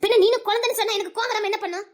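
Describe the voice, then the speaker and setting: A woman's voice: very high-pitched, steady tone, racing. A woman voicing an exasperated village mother who scolds bluntly, with a Tirunelveli Tamil accent. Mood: scolding. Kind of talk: Tamil serial drama dialogue.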